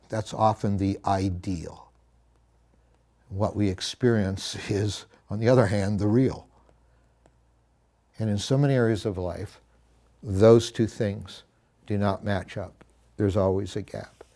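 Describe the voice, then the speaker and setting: A man's voice: on the low side, warm tone. A middle-aged man teaching a Bible study in an earnest, reflective, conversational way, with frequent asides and self-corrections.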